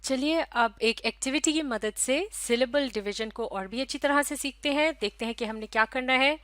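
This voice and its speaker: A woman teacher with a Pakistani Urdu accent, giving a recorded lesson to children, stretching out syllables slowly and asking questions that she answers herself. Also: high-pitched, a bit bright, no room sound. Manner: slow, careful, drawn-out syllables for children. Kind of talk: recorded classroom lecture.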